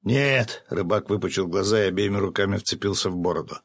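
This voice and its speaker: Gravelly low-voiced male storyteller. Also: little pitch movement, very fast, no room sound. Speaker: audiobook narrator. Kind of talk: first-person storybook narration.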